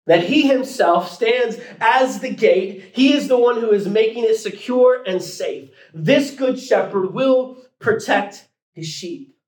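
High-voiced preaching man, echoey church. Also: lively intonation, slow pace. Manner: preaching with rising emphasis and colloquial asides. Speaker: pastor. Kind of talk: sermon. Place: church sanctuary.

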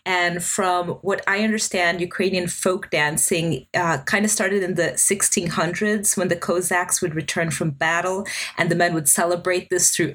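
A woman hosting a podcast with a husky, fairly low voice. She introduces her guest and asks questions with enthusiasm, reacting with easy laughter. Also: a bit bright. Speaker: podcast host.

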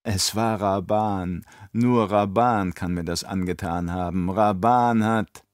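A man's voice: low voice, steady tone, no echo, studio quality. A man doing a gasping, panicked old baron. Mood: muttering. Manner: gasping, pleading, drawn-out. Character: scheming, terrified fat old male baron.

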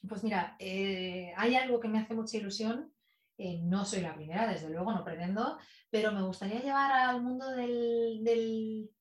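A woman guest talking about public speaking in a chatty, expressive and playful way, in a casual in-person interview. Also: medium pitch, normal speed. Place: in person in a room with the host. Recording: echoey room.

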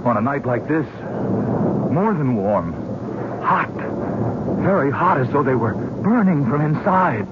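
Earnest young man, expressive and halting. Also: fairly high pitch. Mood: hushed wonder. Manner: hesitant, halting, breaking off and restarting. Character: earnest, anxious young man pleading for a loved one. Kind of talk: radio drama acting. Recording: dull lo-fi radio drama with loud background noise.

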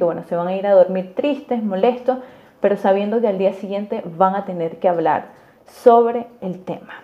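A woman's voice: medium pitch, dull audio. A woman giving personal relationship advice in an earnest, explanatory way, often checking in with her listeners. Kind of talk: advice talk to camera.

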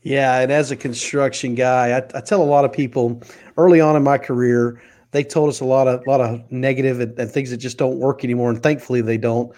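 A man's voice: medium pitch, fairly even intonation, brisk, darkish tone. A man hosting a podcast interview, earnest and emphatic, his voice jumping up to stress a point. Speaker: interview host.

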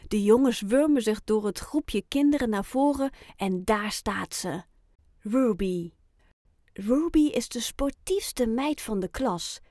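A woman reads a children's story aloud at an unhurried pace. Her voice sits a little high, and she phrases the story gently and clearly. The recording is dry and close, with no room sound. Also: lively intonation, no room sound. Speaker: audiobook reader.

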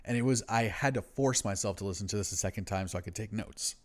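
A man co-hosting a podcast, casually discussing music in a laid-back, slangy, sweary stoner manner, as someone who is habitually high. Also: quick pace. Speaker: podcast co-host.

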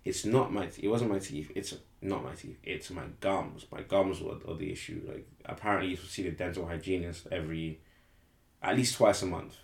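A man's voice: deep voice, a little fast, creaky, roomy sound. A young man, chatting casually as a podcast co-host, rambling and correcting himself, laughing easily. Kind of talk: casual chat.

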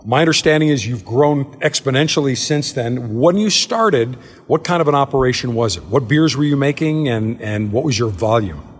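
A man's voice: medium pitch, lively intonation, normal speed, hardly any pauses, breathy edge, long reverb tail. A man hosting a travel show, interviewing a guest in a large tasting room and telling stories as he asks questions. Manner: chatty, storytelling interviewer. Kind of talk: hosted interview.

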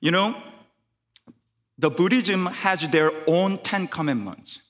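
Speaking slowly in a high, fairly bright voice, a guest preacher gives a sermon in careful English marked by his Korean accent; Korean is his first language, and he often restarts phrases. The church sanctuary sounds big, with faint music behind him.

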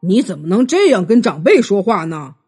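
A woman's voice: medium pitch, very animated, normal speed, a little mellow, breathy edge, soft background music, pitched below the performer's own voice. A woman voicing a stern father who speaks in a scolding tone.

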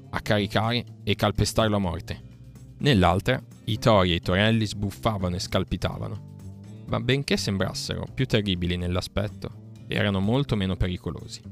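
A man narrating a storybook audiobook in a steady, measured way. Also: fairly low pitch, creaky.

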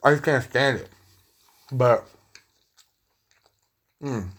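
A man's voice: medium pitch, very slow, fairly bright tone, husky. A young man hosting his own podcast, ranting casually with constant swearing and filler words while he eats. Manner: profane, rambling, heavy fillers, eating on mic. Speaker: podcast host. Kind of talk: casual solo podcast rant.

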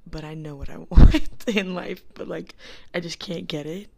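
A woman's voice: on the low side, normal speed, vocal fry, mellow. Young woman half-whispering a chatty podcast. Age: young adult. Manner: rambling, giggly, lots of fillers, half-whispered. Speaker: podcast host. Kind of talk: casual solo chat. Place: dorm room. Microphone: small handheld mic.

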